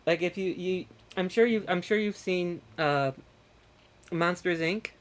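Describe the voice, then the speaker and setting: A woman live-streaming a game, animated and joking, often scolding chat and stumbling over repeated words. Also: on the low side, measured pace. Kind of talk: casual live-stream chat while playing.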